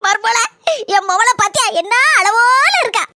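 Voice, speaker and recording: A woman's voice: extremely high pitch, normal speed, sharp tone, dry recording, clean studio sound, full character voice. A woman voicing a fussy, scheming older village mother-in-law in a cartoon. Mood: worried, fussing. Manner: gossipy, fussing, village-style talk. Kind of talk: cartoon voice acting.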